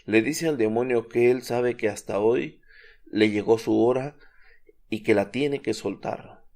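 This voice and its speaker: A man giving a measured, solemn scripted narration of a religious account. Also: lowish voice, a little mellow.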